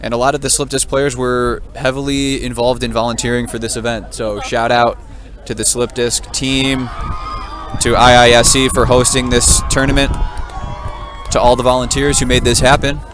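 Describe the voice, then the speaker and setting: A man's voice: mid-range voice, little pitch movement, normal speed, crowd noise, background noise. A man doing live play-by-play commentary, upbeat and full of praise for the players. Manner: upbeat, praising, wraps up the broadcast.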